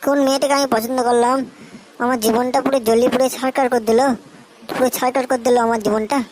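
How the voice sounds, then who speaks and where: A high-voiced, melodramatic young boyfriend, played by a woman in a comedy sketch. He pleads for attention and sinks into self-pitying laments. His talk is sulky and theatrical. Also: little pitch movement, quick pace, darkish tone, a little hiss or hum, lightly acted, low-quality recording. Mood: whiny. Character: lovesick young male boyfriend, whiny and melodramatic.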